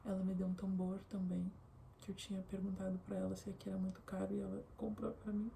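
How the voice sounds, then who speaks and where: Young woman vlogger from southern Brazil, gravelly, hushed delivery, bedroom recording with faint background hiss. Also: medium pitch, monotone, quick pace. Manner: often drops to a soft whisper. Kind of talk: casual chat to camera.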